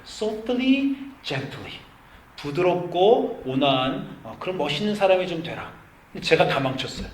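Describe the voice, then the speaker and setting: A middle-aged man preaching a sermon as pastor, his delivery swinging from near-shouting to hushed. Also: fairly high pitch, animated, fairly quick, a little hiss or hum. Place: church sanctuary. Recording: echoey church room.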